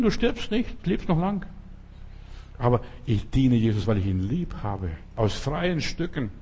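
Husky man preaching bluntly. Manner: talks straight to the listener with frequent "verstehst du?"; blunt, colloquial, with abrupt swings in pitch and loudness. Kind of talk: sermon.

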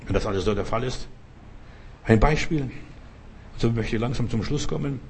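A man's voice: medium pitch, moderate pace, a little hiss or hum. A man preaching a sermon with fervent, exhorting, repetitive appeals.

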